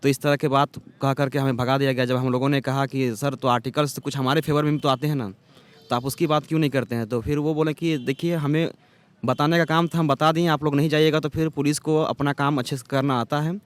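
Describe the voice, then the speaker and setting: A young man, a protesting exam candidate, speaking earnestly and aggrieved in a street interview, pausing often with fillers. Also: medium pitch, fairly even intonation, no echo. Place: outdoors at a protest site.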